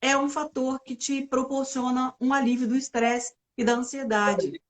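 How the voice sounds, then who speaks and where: A woman psychologist with a fairly high voice explains emotional health in an easy, conversational way. She keeps checking in with her listener and briefly acts out everyday complaints to make her point. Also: fairly even intonation, normal speed.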